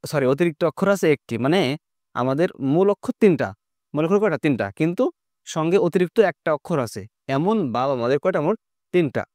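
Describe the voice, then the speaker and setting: Quick-talking man teaching an online lesson. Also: a little high, darkish tone, dry recording, clean studio sound. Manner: explains step by step, keeps quizzing the students.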